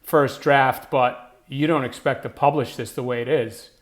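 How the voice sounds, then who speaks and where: A man's voice: medium pitch, steady tone, measured pace, close to an everyday voice. A man voicing a stern, hypercritical fitness trainer who scolds bluntly. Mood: scolding. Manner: blunt, scolding, ego-checking.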